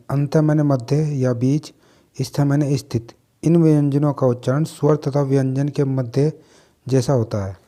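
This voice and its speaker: A man teaching a grammar lesson, reading from his notes in a steady way and listing the letters one by one. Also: mid-range voice.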